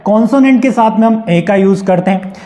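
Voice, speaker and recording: High, mellow-voiced Hindi-accented teacher. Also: male voice, a little fast. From India. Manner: asks questions to the class and answers them himself. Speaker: English teacher. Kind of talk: classroom lesson explaining grammar.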